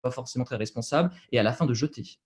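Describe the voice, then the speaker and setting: Young man, French accent, halting with fillers, slide presentation, video call. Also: medium pitch, a little mellow. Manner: hesitant, many fillers and restarts.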